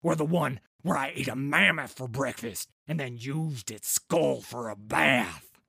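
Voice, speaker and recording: A man's voice: mid-range voice, unhurried, creaky, bright, forceful tone, slightly rough, no echo, studio quality, exaggerated voice. Man doing a cocky little troll king. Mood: boastful. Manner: cocky, bragging. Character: small, boastful, cunning male troll king.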